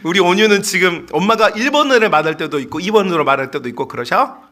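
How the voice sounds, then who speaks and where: Middle-aged male pastor, sermon, animated pitch, playful with the kids. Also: quick pace. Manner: animated and playful, acting out parents and chatting with children.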